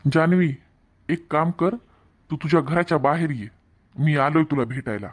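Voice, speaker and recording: A man's voice: fairly high pitch, moderate pace, lightly acted. A man voicing an insistent, earnest young married man in a cartoon story, with a Marathwada Marathi accent. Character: married young man, pushy then apologetic lover.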